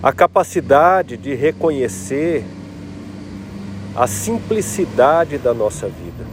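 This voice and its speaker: A man leading a guided meditation in a slow, soft-spoken, reflective way. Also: mid-range voice, big pitch swings, background noise.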